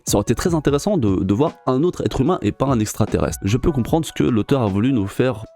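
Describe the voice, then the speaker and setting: A man's voice: medium pitch, lively intonation, fast talker, warm tone, faint music behind. A man giving a casual, slangy manga review straight to the viewer. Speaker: manga reviewer, video host.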